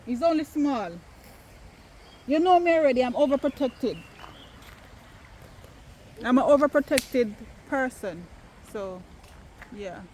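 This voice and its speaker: Jamaican woman, family vlogger, emphatic and playfully argumentative, fairly high voice, faint outdoor ambience. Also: slow, long pauses, a little mellow, a little hiss or hum. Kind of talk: casual family vlog chat. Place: outdoors in the countryside.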